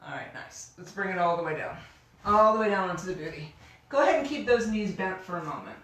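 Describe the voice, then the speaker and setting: A woman instructing a yoga class in a careful, unhurried way, gently cueing each step with informal encouragement. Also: mid-range voice, lively intonation. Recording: very echoey room, distant microphone.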